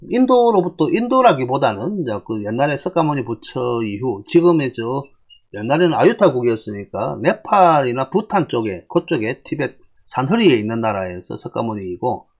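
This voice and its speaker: A middle-aged male teacher lecturing on old characters, his husky voice rising and falling widely as he explains. He keeps prompting listeners with rhetorical questions and steady explanatory asides. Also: mid-range voice. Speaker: classical Chinese teacher. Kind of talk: lecture on classical texts.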